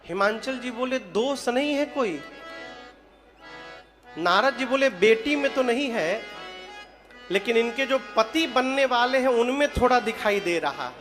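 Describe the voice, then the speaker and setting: A man's voice: extremely high pitch, expressive, measured pace, pauses often, a bit bright, soft background music. A man preaching a devotional story sermon, telling stories, quizzing his listeners and singing short verse lines. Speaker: katha preacher.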